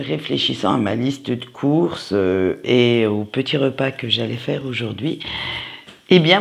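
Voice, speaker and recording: A man giving a casual tarot reading, speaking slowly and hesitantly with many fillers. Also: mid-range voice, gravelly. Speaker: tarot card reader.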